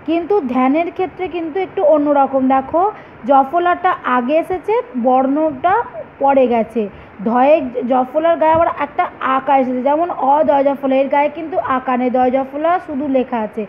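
A woman's voice: high-pitched, lo-fi sound, slight background noise. A woman teaching a primary school spelling lesson, explaining step by step and repeating questions for her pupils. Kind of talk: online Bengali spelling lesson.

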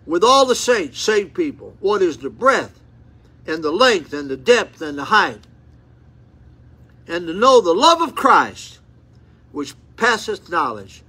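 An octogenarian man reads scripture while seated and preaches with fervent exclamations, repeating himself and restarting lines. His voice is high and sharp-toned with slight roughness. A close phone camera in a small room picks him up.

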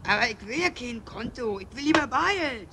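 A woman's voice: a little high, animated, fairly quick, background noise. A woman voicing a brash, slangy little punk boy in a cartoon. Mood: grumbling. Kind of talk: animated film dialogue.

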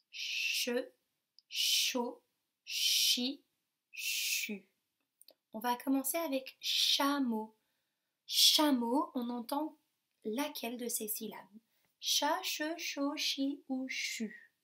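Slow, carefully spoken woman teacher. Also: high-pitched, bright, forceful tone. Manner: slow, carefully sounds out syllables, encouraging. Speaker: primary school teacher. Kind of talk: remote phonics and maths lesson for young children.

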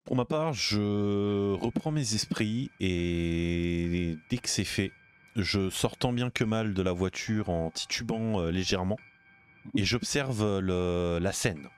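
A man playing a tabletop game over a video call, speaking in a calm, measured way. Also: on the low side, clean tone. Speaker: player. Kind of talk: tabletop game role-play. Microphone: headset on a video call.

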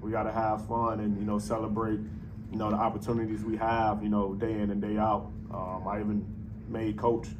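A young man in his twenties who plays pro basketball speaks to reporters at a postgame press conference in the arena press room via a table mic on a stand, relaxed and loose with many "you know" fillers. He has a lowish voice at normal speed; the sound is lo-fi with background noise.

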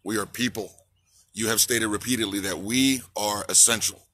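His voice is lowish, steady and sharp, moving at a normal speed. The speaker, a trucker activist in his forties, passionately addresses protesters outdoors on a city sidewalk near a park, repeating slogans and asking the crowd to answer back, all recorded on a phone held at arm's length.

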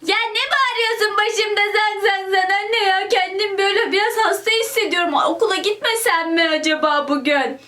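A woman's voice: very high voice, normal speed, few pauses, sharp tone, distant mic. A woman voicing a grumpy middle-school older sister who complains in a whiny, sulky way, in a toy-game role-play.

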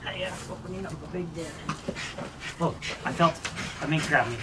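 A man in his thirties, a pest control ratter, gives casual running commentary while working his dogs in outdoor dirt pens on a farm, calling out commands and praising them. His voice is on the high side, at a moderate pace. The noisy audio comes from a chest-mounted body camera, with dogs and outdoor ambience behind him.

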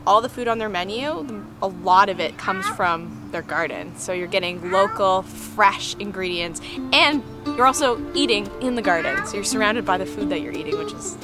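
A woman's voice: medium pitch, animated, moderate pace, over music. A woman vlogging with casual, enthusiastic chat at an outdoor restaurant garden, recorded on a handheld camera. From Canada. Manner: chatty and enthusiastic, talks with mouth full. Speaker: travel vlogger.

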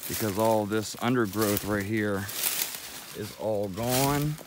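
A man's voice: lowish voice, slow pace, background noise. Folksy man vlogging outdoors. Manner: folksy, addresses viewers as friends. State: a bit out of breath from walking. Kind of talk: casual vlog while hiking. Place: outdoors on an overgrown trail.

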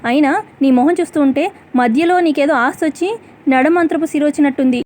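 A woman voicing a bold, righteous woman who lectures sharply and talks back, in a quick serial recap. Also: high-pitched, darkish tone, natural voice. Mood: scolding. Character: bold righteous woman scolding an arrogant rich lady.

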